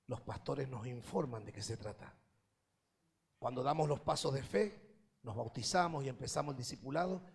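A male pastor delivering a Sunday sermon, shifting between quiet reflection and impassioned, emphatic preaching. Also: medium pitch, creaky, husky. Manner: impassioned preaching that swells to loud emphatic peaks. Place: church service.

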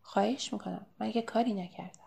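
A woman voicing a big, calm man who defends the barmaid, in an audiobook. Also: high-pitched, creaky. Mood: courteous.

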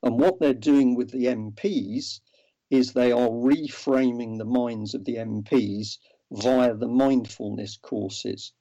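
A man's voice: mid-range voice, takes it slowly, dark tone. A man, a guest in an interview, explaining earnestly with many ums and restarts. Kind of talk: interview over a remote line. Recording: dull lo-fi audio.

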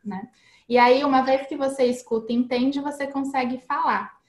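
A woman with a high, steady voice talks at a normal speed as a guest, offering casual, chatty tips on learning English. She explains with everyday examples and leans on frequent tag questions. The recording sounds roomy, with slight background noise.

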